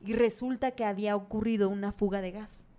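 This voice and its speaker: A woman's voice: medium pitch, a little fast. A young woman with a Mexican accent, a podcast host telling a scary story in a casual, slangy, dramatic way. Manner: animated, slangy, dramatic retelling.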